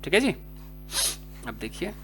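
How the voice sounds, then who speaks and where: A man's voice: fairly high pitch, very animated, a little slow, slight background noise. A man teaching English in a casual explanatory lesson, speaking to viewers directly and acting out example dialogues. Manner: chatty, addresses viewers directly.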